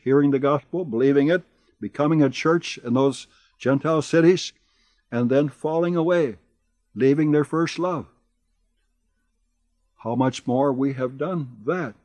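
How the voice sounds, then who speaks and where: A male preacher delivers an earnest, exhorting sermon with slow, weighty pauses. His voice sits at a middle pitch. The sound is dry and close. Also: darkish tone, dry recording. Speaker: pastor. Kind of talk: radio sermon.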